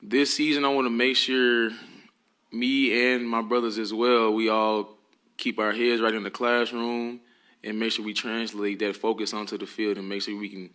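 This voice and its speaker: A teenage high school football player answering interview questions politely and earnestly. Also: male voice, little pitch movement, moderate pace, a bit bright. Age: teens.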